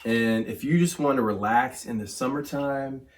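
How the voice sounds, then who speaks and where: A young man with a hoarse voice, sick with a cold, hosting a casual whiskey review in a relaxed, chatty way. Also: mid-range voice, normal speed, a little hiss or hum. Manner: chatty, laid-back, says "stinking" and "um" a lot. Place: home man cave, indoors.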